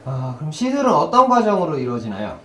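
A TV reporter asking quick, polite questions on site. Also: medium pitch, huge pitch swings, bright, forceful tone. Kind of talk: on-site interviewing. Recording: echoey room with faint noise.

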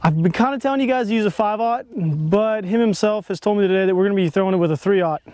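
A man's voice: sits high, fast, darkish tone, no room sound. A young man hosting a fishing vlog from a boat on a pond, talking to viewers in an upbeat way and laughing often. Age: young adult. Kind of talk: casual fishing vlog talk. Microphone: action camera on the boat.

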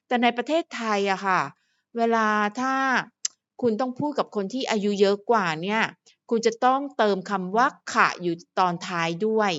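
A woman's voice: mid-range voice, a bit bright, highs cut off. A woman vlogger who relays and translates an interview in a chatty, rambling way with lots of asides. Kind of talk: casual chat.

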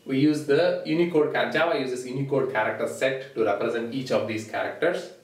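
This man, a Telugu-speaking programming instructor, teaches a whiteboard tutorial in a small echoey room, talking a little fast in a medium-pitched voice. He stays steady and explanatory while pointing to the board. A camera mic set at a distance makes him sound far away amid the room's echo.

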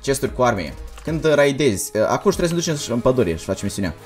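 A young man livestreaming a game, talking fast and energetically while reading out chat messages. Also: medium pitch, very animated, darkish tone, faint music behind. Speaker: gaming livestreamer. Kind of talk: casual livestream commentary.

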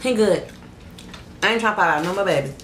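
A woman's voice: fairly low pitch, lively intonation, rapid-fire, a bit bright, roomy sound, slight background noise. A young woman, a new mom, rambling in a casual mukbang-style vlog to her channel, full of fillers and asides, recorded on a phone or camera. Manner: rambling, filler-heavy talk. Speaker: vlogger. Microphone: phone or camera on a stand.

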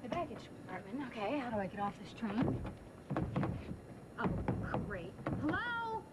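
An actress playing a hurt, guarded young woman in a soap opera, speaking softly and hesitantly, on a noisy tape. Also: a little high, very animated, normal speed. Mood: panicked. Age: young adult.

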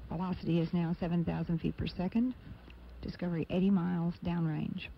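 Flat, gravelly man on mission commentary. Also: on the high side. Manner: formal, measured, even announcing. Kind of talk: live technical flight commentary. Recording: dull lo-fi broadcast, faint noise.

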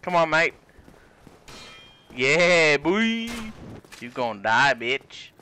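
A man, hosting drunken gameplay commentary with loud swearing and laughing outbursts. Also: on the high side, very animated, very slow, smooth. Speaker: gaming channel host.

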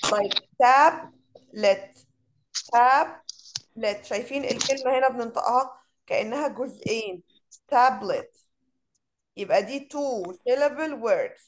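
A woman's voice: on the high side, a little hiss or hum, poor audio. A woman with an Egyptian Arabic accent teaching an online English lesson, mixing Arabic and English and drawing out words as she models them. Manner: switches between Arabic and English, drawn-out word modeling.

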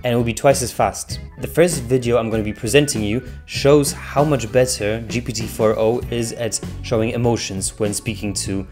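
A chatty male host talks over tech demos at a middling pitch. He tosses in joking asides, and a faint guitar track plays behind him. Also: fairly even intonation, normal speed, few pauses, a little mellow. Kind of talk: casual commentary.

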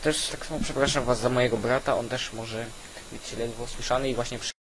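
A man giving casual, halting gameplay commentary, thinking aloud as host on an old weak microphone. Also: medium pitch, fairly even intonation, fairly bright tone, poor audio. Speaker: gaming video host. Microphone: old cheap weak microphone. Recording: constant hiss from weak microphone.

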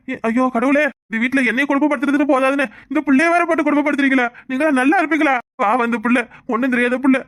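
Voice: high voice, no room sound, clean studio sound. A voice actor with a Tirunelveli Tamil accent playing a panicky, outspoken village brother-in-law in a family cartoon. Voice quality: excitable, loud, nagging.

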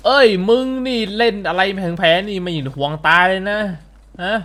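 A man role-playing a crude, teasing old uncle in a game, trading quick coarse banter. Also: high-pitched, fairly bright tone. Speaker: streamer playing a character.

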